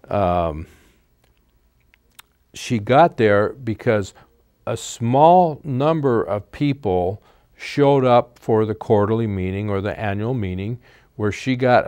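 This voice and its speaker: A man's voice: lowish voice, a little mellow, no room sound, studio quality. A man hosting a political talk show, explaining step by step in a monologue and checking in with frequent "okay?"s. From United States.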